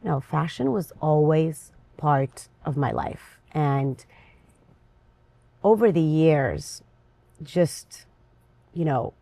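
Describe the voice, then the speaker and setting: A woman from Lebanon, an interview guest, talking in a lively, chatty and restless way. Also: low-pitched, slow pace, creaky, long pauses, no echo. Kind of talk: casual interview conversation.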